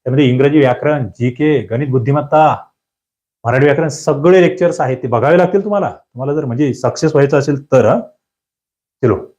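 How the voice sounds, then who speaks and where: A man giving an online exam-prep lecture, drilling grammar questions with lively, rising emphasis and questions to his students. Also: mid-range voice, a little fast, lo-fi sound.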